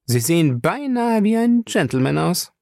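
A man putting on a high, affected society lady. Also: sing-song, moderate pace, gravelly, darkish tone, no room sound, studio quality. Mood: affected, worried. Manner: affected, urgent. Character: poised married woman, worried and a little affected. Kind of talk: audiobook character voice.

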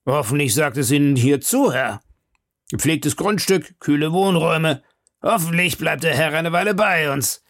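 A man's voice: on the high side, moderate pace, fairly bright tone, no room sound, studio quality, pitched above the performer's own voice. A man doing a fawning chatty prison food server. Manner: obsequious, chatty, gossipy.

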